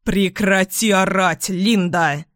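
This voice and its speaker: Woman playing a stern protective man, firm and slow, audiobook, dry recording. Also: fairly low pitch, no room sound. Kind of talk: audiobook character voice.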